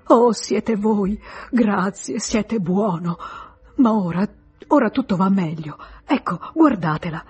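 A woman reader voicing a grieving husband, a country doctor, pleading and tearful in drawn-out lines. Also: mid-range voice, expressive, darkish tone, slightly rough, full character voice. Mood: tearful relief.

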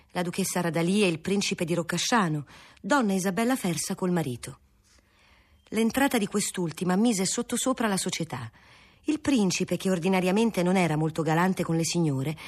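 Husky-voiced woman narrating a novel. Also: fairly low pitch, expressive, moderate pace. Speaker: audiobook reader.

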